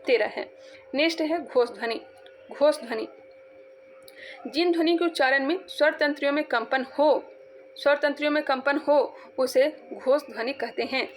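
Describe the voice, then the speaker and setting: A woman's voice: high voice, faint music behind. A woman teaching an exam-prep lesson, repeating points and quizzing her students as she goes. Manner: repetitive, quizzing, drawn-out syllables.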